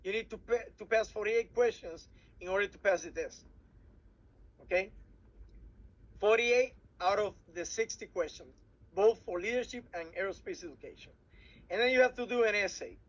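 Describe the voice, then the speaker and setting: A Puerto Rican man whose first language is Spanish walks cadets through an exam in English, acting as a cadet program instructor in a workshop briefing. His voice is high for a man, and he halts often, restarting and repeating words as he searches for them. The recording sounds muffled and lo-fi.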